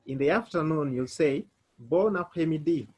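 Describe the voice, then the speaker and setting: A man's voice: fairly high pitch, lively intonation, moderate pace, a little mellow, breathy edge. A man teaching a beginner French lesson online, spelling words out letter by letter.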